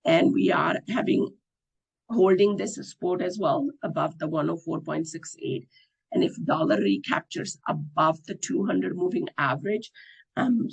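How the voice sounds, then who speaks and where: A hoarse man losing his voice, hosting a halting market analysis with frequent ums. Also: on the high side, poor audio. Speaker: trading channel host.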